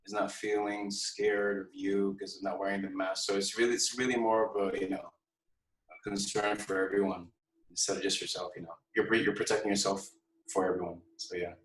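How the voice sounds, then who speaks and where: A man from Hong Kong, a guest musician chatting casually in an interview, relaxed and hesitant with many pauses and fillers. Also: on the low side. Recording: echoey room, far from mic.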